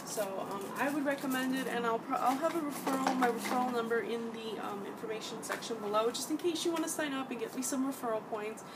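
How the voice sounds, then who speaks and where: Chatty young woman with a high voice. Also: quick pace, hardly any pauses. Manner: chatty, enthusiastic, frequent ums and restarts. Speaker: beauty vlogger. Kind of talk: product review vlog. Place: bedroom. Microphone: webcam at desk distance. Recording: distant mic, loud background noise.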